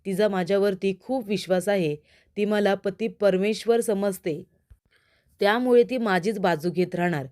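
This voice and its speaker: A smug, menacing male villain from a TV serial who taunts his rivals, read aloud by a woman. His delivery is gloating and mocking. The voice stays soft and mellow. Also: medium pitch, moderate pace, close to an everyday voice.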